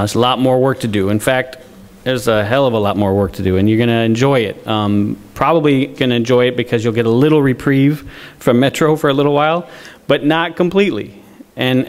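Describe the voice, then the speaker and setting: A man's voice: medium pitch, smooth. A male faculty member giving an informal speech at a student ceremony, earnest with dry joking asides and frequent restarts, in front of a live audience.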